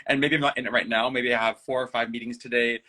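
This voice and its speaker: Man, guest, play designer, bright tone, reflective, playful, casual conversation. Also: medium pitch, fairly even intonation, fast talker. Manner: reflective, playful, breaks into silly acted-out voices.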